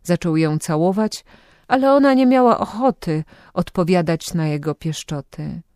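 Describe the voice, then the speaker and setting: A woman with a lowish voice reads an audiobook in a calm, measured way. The recording is dry and close, with no room sound. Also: smooth, dry recording. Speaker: audiobook narrator. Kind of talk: scripted audiobook narration.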